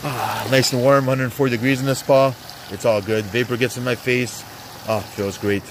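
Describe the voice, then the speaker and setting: This casual NFL picks vlog comes from a man soaking in an outdoor hot tub in the cold, his mid-pitched voice congested from a sore throat. He keeps a steady tone at normal speed while rambling, filling gaps with fillers and tossing in hyped asides over faint background noise.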